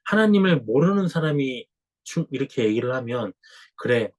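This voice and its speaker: A middle-aged man with a cold, a pastor giving a slow, conversational Bible sermon and clearing his throat. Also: mid-range voice, expressive, rough recording. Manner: slow, reflective Bible exposition with a warm conversational tone.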